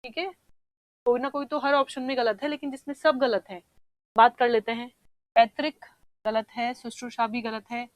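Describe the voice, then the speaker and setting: High-voiced woman teaching exam Hindi. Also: little pitch movement, no room sound, low-quality recording. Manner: explains patiently, checks in with "theek hai"; sounds words out slowly to show the spelling. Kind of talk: exam paper discussion.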